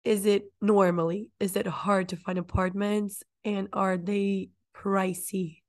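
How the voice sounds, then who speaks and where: A woman hosting a podcast, chatting in a relaxed way and asking her guest friendly, open questions. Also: mid-range voice, slow pace. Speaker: podcast host. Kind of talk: casual podcast interview.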